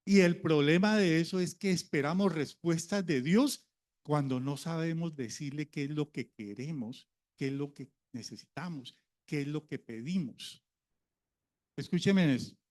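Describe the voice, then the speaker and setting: A man's voice: fairly high pitch, a little slow, a little mellow. A man preaching a sermon, a pastor who talks in a conversational way and keeps asking the congregation questions.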